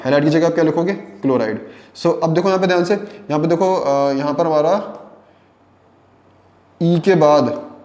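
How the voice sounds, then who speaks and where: A man's voice: on the high side, moderate pace, long pauses, darkish tone, reverberant. A man teaching chemistry in a lecture, asking questions and answering them himself, repeating key terms and mixing English terms into his speech. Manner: mixes English terms into Hindi.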